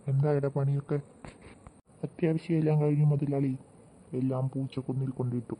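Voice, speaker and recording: A man voicing cartoon robbers, a gang boss and his henchman, who talk in a flat, low-key scheming way. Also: brisk, background noise, close to an everyday voice.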